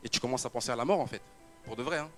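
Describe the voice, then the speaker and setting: A man's voice: medium pitch, rapid-fire, soft background music. A young man giving a personal testimony, telling his story with many repetitions and fillers. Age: young adult. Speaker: church member giving a testimony. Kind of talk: personal testimony told to an audience.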